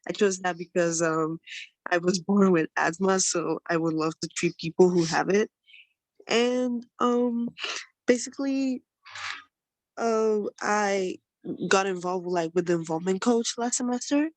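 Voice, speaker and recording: A woman's voice: mid-range voice, measured pace, no echo. A woman in her early twenties, a student, introducing herself hesitantly with many fillers over a video call. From Nigeria. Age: early 20s. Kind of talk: self-introduction.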